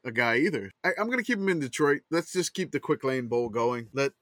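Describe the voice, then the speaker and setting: Bright-voiced man talking from inside a closet. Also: medium pitch, animated, fairly quick, no room sound, studio quality. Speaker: podcast co-host. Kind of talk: casual sports chat.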